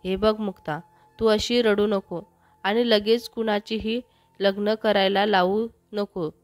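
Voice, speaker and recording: A woman's voice: medium pitch, steady tone, slow pace, no room sound, soft background music, natural voice. Storybook aunt, firm and coaxing, read by a woman; dry, close read. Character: caring aunt, firm but kind.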